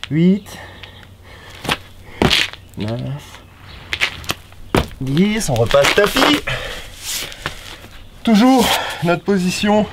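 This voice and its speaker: A man runs a guided workout as a fitness coach, his voice sitting noticeably high for a man. He keeps things upbeat and chatty, counting reps aloud and tossing in casual remarks between sets. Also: very noisy. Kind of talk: guided home workout instruction.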